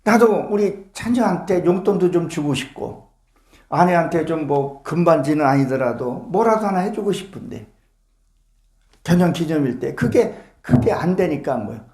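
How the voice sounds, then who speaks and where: Fervent preaching pastor, echoey church. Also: male voice, a little high, expressive, moderate pace, darkish tone. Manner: fervent preaching with rhetorical questions to the congregation. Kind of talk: sermon. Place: church sanctuary with congregation.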